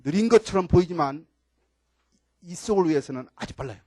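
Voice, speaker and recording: An older man with a high voice lectures a class as a professor, keeping it lively with questions to his students and repeated key words. The sound is dry and close, with little room echo. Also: brisk. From Chungcheong, Korea.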